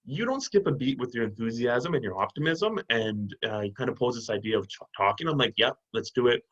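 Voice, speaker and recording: A man's voice: medium pitch, a little fast. Man telling stories over a dull video call. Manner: animated storytelling with laughs. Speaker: guest. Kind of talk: casual chat on a video call.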